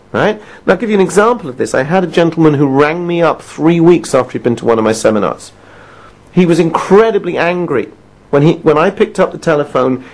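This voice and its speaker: A man coaching listeners through a self-help lesson on quitting smoking. He talks in a slightly high voice, stressing his key lines slowly and checking in often with short questions to the listener. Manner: emphatic, conversational, checks in with "Right?" and "Okay?".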